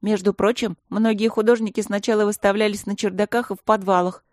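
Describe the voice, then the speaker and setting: A woman's voice: medium pitch, level tone, a little fast, darkish tone, no room sound, studio quality, pitched above the performer's own voice, natural voice. Woman voicing a pompous schoolboy artist. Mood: lofty. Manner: lofty, indignant, theatrical. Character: proud dramatic schoolboy artist.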